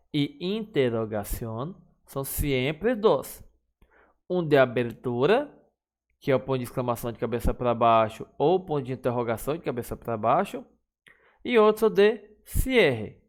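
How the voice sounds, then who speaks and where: A man teaching a recorded Spanish lesson to schoolchildren, explaining patiently and speaking straight to his pupils. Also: mid-range voice.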